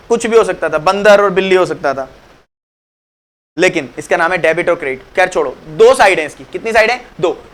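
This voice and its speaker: A high-pitched man with a fairly bright tone leads a chatty accounts class, firing off questions to students and answering them himself. He often drops English phrases into Hindi and lovingly calls students "beta."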